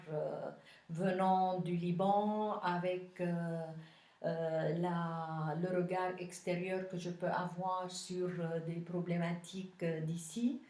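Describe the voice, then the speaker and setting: A woman's voice: fairly low pitch, a little mellow. Lebanese-accented woman, roomy sound. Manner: thoughtful, many pauses and hesitations. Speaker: Paris city councillor. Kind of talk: interview answers.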